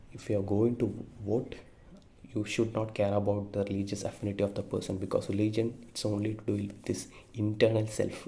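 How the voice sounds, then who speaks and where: Earnest Indian man, low gravelly voice. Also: mellow. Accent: Indian English. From India (Kerala). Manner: earnest, emphatic, many fillers and self-corrections. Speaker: vlogger. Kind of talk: opinion monologue to camera.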